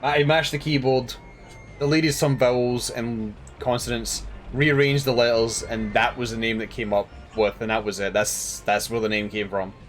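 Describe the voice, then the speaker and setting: A man's voice: medium pitch, fairly even intonation, moderate pace, soft background music. A tired man chatting casually while streaming a game, rambling and laughing at himself. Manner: rambling, laughing, self-deprecating.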